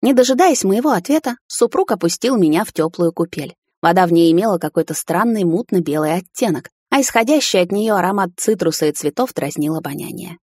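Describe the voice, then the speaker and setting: A woman narrating a first-person romance audiobook in an intimate, measured reading. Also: fairly low pitch, lively intonation, darkish tone, slightly rough, dry recording, studio quality.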